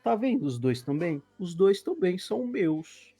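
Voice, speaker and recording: A man voicing an evil spirit that speaks through a drunk man, quiet and calm as it lays claim to everything around it. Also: high-pitched, measured pace, heavily acted. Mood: possessive.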